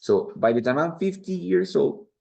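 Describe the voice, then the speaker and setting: An expressive man in his forties with a Spanish accent teaches English grammar bilingually at a moderate pace, his fairly high, darkish voice showing vocal fry. The sound is lo-fi, and he goes through each structure patiently, step by step, with repeated examples.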